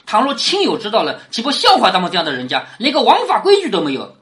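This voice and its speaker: Speaking fast, this woman has a medium-pitched, a bit bright voice that swings hugely in pitch. Her lecture walks through a classic novel in everyday words, retelling and explaining it, and she keeps asking rhetorical tag questions, letting her voice fall on them.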